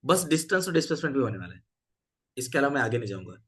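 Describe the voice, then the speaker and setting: A man's voice: medium pitch, sing-song, racing, fairly bright tone. A man teaching a physics class, often stopping to ask his students questions. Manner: switches between Hindi, English and Marathi, asks the class questions.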